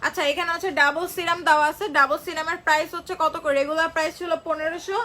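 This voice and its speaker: A woman from Bangladesh, unwell, selling products on a phone live stream. She talks slowly and chattily, repeating prices and answering viewers. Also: extremely high pitch, flat delivery, bright, forceful tone. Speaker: online shop seller. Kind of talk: live-stream sales pitch.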